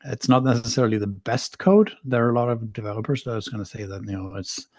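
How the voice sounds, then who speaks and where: A middle-aged Swedish man, guesting on a podcast, chats casually in a rambling, self-deprecating way and frequently restarts his sentences. He talks fast at a medium pitch with a darkish tone, and there is no room sound.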